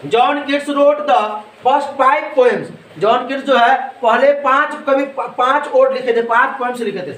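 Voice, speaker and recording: A man's voice: extremely high pitch, measured pace, few pauses, fairly bright tone. A male teacher lecturing on a poem, asking questions and then answering them himself, repeating each point. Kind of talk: classroom lecture explaining a poem. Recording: echoey room.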